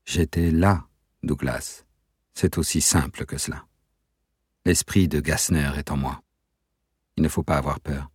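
A man reading a calm, intense young captain. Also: rumbling low, unhurried, long pauses, slightly rough, no echo, studio quality, heavily acted. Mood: quiet, insistent.

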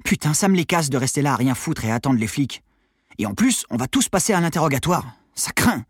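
Brief: man playing a pushy teenage boy, crude and excitable, lively high swoops, slightly husky, dry close sound. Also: brisk, no echo. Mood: fed up. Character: brash foul-mouthed teenage boy, restless.

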